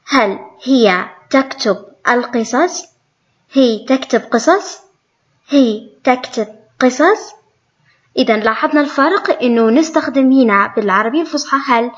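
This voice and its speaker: Saudi woman teaching, sentences read slowly twice. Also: fairly high pitch. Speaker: Arabic teacher. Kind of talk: language lesson, reading example sentences. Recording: dull lo-fi sound.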